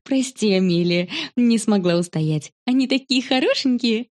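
A woman's voice: on the high side, normal speed, darkish tone, natural voice. A woman voicing a cheerful, affectionate aunt in a storybook reading, friendly and fond.

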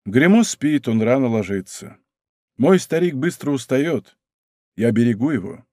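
A man's voice: mid-range voice, animated, a little slow, mellow, no echo, clean studio sound, close to an everyday voice. A man voicing a dignified older nobleman who speaks in a restrained, courteous way. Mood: calm.

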